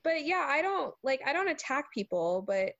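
A young Southern American woman, a guest talking casually and animatedly in an interview, with quick rants. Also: sits high, very animated, a bit bright, no echo, muffled recording. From United States. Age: young adult.

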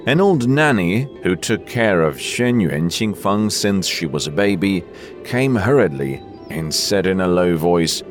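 Male narrator, deep and slow, lively intonation, soft music bed. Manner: slow, expressive reading. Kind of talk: storytelling narration.

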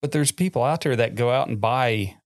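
A man's voice: medium pitch, fairly quick, dry recording, clean studio sound. A man who is a guest on a podcast, chatting casually and thinking aloud, often restarting his sentences. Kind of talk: casual chat.

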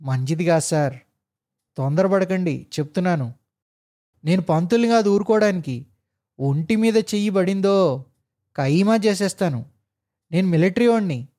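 A man voicing a hot-tempered former soldier working as a jeep driver, shouting defiantly and threatening. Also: high voice, animated, moderate pace, long pauses. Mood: outraged.

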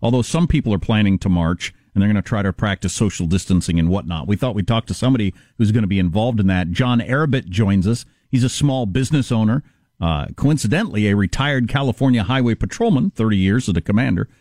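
A man's voice: fairly low pitch, fast talker, a little mellow, dry recording, clean studio sound. A man hosting a talk radio show, opinionated and conversational, pushing the interview along.

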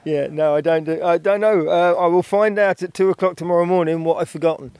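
Higher-voiced man with dry, short replies. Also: steady tone, fast, darkish tone, clear, resonant tone, no room sound. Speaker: race participant being interviewed. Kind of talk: casual interview answers.

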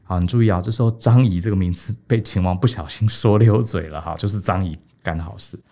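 A man, hosting a podcast and retelling an old story in a casual, animated way, often adding a little "ha" to his sentences. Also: low voice, fast. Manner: animated, peppers speech with 哈. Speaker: podcast host.

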